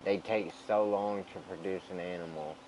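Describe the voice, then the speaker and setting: A man casually commenting on his farming game in a flat, laid-back way, often saying "bro". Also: deep voice, normal speed, slight background noise, rough recording. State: hiccups. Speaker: gaming channel host.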